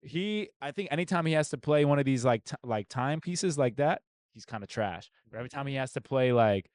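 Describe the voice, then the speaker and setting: A man's voice: mid-range voice, lively intonation, fairly quick, a little mellow, dry recording, clean studio sound. A man co-hosting a casual sports and pop culture podcast, rambling with restarts and slang. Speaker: podcast co-host.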